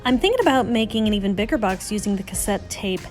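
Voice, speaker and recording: Music plays beneath this craft vlogger's voice-over as she hosts a tutorial in a casual, chatty, self-deprecating way. Her mid-range voice is animated and fast.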